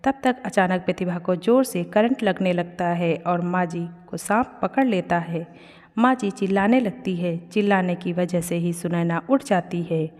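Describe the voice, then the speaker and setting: Brief: woman narrator for a storybook, lowish voice, long reverb. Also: moderate pace, a little mellow.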